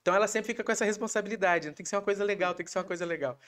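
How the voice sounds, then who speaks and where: A Brazilian man, a podcast guest, telling a personal story in a casual, animated way, acting out his wife's lines. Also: high voice, rapid-fire. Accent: Brazilian Portuguese. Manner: animated, acts out quoted voices of his wife.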